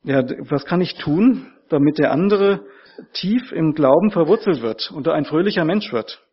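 A man's voice: fairly high pitch, lively intonation, moderate pace, slightly rough, dull audio. A man preaching a sermon to his congregation, earnest and repeating key phrases for emphasis.

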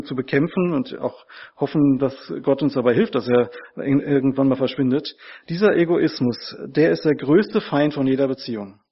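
A man's voice: mid-range voice, slightly rough, dull audio. A man preaching a sermon to his congregation, earnest and repeating key phrases for emphasis.

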